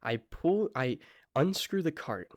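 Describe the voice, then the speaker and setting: A man's voice: a little high, expressive, takes it slowly, dry recording, studio quality. Laid-back young man telling a storytime. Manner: slangy, laid-back, apologetic asides. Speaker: vlogger. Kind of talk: casual storytime vlog.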